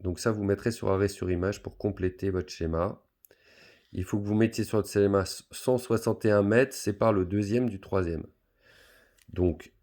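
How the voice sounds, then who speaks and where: Gravelly-voiced French male teacher. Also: deep voice, darkish tone. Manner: patient, talks pupils through each step, many fillers. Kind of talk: math lesson for pupils, explaining on a board.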